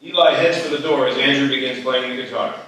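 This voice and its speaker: Stage directions at a live script reading are narrated by a man with a bright, mid-range voice moving at a quick pace. A distant mic records him in a very echoey hall with some ambient noise.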